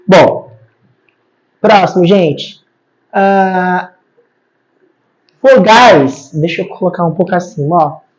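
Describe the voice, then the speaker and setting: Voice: mid-range voice, slow, pauses often. A teacher explains grammar rules at a board patiently, repeating each rule and checking in with the class. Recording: slightly dull lo-fi recording.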